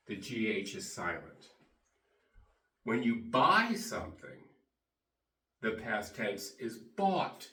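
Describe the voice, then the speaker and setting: Male English teacher for bilingual pronunciation lesson: very slow, deliberate, repetitive delivery, distant echoey room sound. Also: medium pitch, pushed and bright. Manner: deliberate, repeats key words and spells them out.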